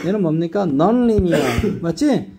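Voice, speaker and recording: A man's voice: fairly high pitch, slow, a little hiss or hum. A man teaching an English class, lecturing students and constantly checking that they follow. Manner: lively, rising and dipping emphasis.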